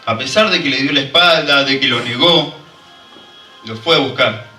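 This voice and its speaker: A man's voice: mid-range voice, normal speed, sharp tone, reverberant, recorded from a distance, soft background music, rough recording. A man preaching a fervent sermon and drawing call-and-response from the congregation. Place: church hall.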